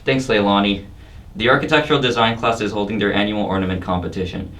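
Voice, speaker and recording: Teen guy anchoring school announcements, kinda low voice, a bit far from the mic. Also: steady tone, fast, a bit bright. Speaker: student anchor. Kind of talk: scripted announcements.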